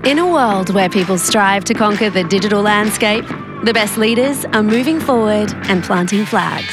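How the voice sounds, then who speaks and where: A woman gives a dramatic, trailer-style scripted intro for a podcast. Her voice is mid-pitched and polished, with clear guitar music playing under her. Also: normal speed. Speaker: show intro announcer. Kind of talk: dramatic scripted announcer read. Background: guitar music bed.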